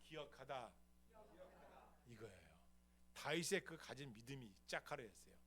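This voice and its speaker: A man's voice: medium pitch, lively intonation, normal speed, fairly bright tone, a little hiss or hum. A male pastor preaching a sermon emphatically and calling for responses from the congregation, in a church. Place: church sanctuary.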